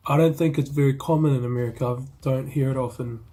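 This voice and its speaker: Laid-back New Zealand man, mellow husky voice. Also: medium pitch, steady tone, fast talker. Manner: laid-back, slangy, rambling with restarts. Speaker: movie reviewer. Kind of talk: casual chat.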